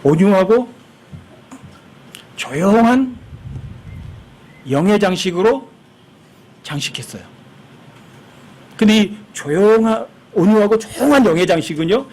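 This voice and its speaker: A man preaching a sermon as pastor, talking conversationally with the congregation and acting out the people in his stories. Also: sits high. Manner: acts out quoted voices, emphatic and conversational with the congregation.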